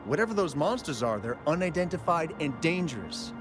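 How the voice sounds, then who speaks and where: An actor with a higher-than-average, sing-song voice plays a nervous, talkative young miner in a game cutscene, recounting what he saw. He comes across jumpy, slowing down when he describes monsters. Game music plays underneath.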